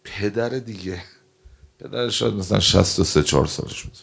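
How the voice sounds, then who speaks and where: A man preaching a sermon, telling stories and reciting religious texts in Arabic, moving between loud emphatic passages and hushed ones. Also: on the low side, vocal fry, slightly rough. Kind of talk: emotional sermon with storytelling.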